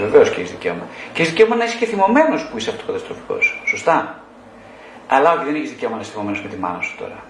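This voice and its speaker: Blunt animated male psychotherapist, echoey room. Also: mid-range voice, slight background noise. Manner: blunt, lively, mockingly scolding; addresses listeners directly, with rhetorical questions. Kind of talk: talk to a group.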